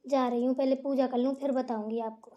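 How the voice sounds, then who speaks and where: A woman voicing an aging village mother who is bossy and short-tempered, yelling shrilly and muttering to herself. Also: high-pitched, steady tone, fairly quick, lo-fi sound, natural voice. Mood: rueful. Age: older. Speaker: cartoon character voice. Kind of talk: cartoon voice acting.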